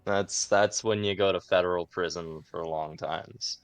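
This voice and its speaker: A man's voice: deep voice, steady tone, unhurried, clear, resonant tone, no room sound. A man chatting casually as a player in a tabletop game, blunt and emphatic. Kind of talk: casual chat.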